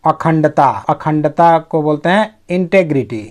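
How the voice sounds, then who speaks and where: A man's voice: fairly high pitch, darkish tone. A man from India, teaching English vocabulary as a teacher. He asks and answers his own quiz questions and draws out key words. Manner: drawn-out stress on key words. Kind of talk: vocabulary lesson.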